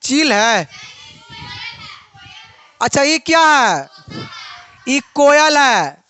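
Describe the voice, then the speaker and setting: A woman's voice: high-pitched, big pitch swings, extremely slow, fairly bright tone. A woman teacher giving a biology lesson, asking the class questions and then answering them herself.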